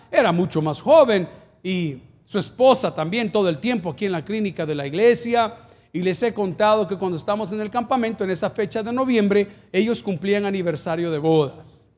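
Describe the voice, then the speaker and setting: A male pastor preaching a sermon from the stage of a large church, building to emphatic peaks and firing off quick lists. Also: sits high. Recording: long hall reverb.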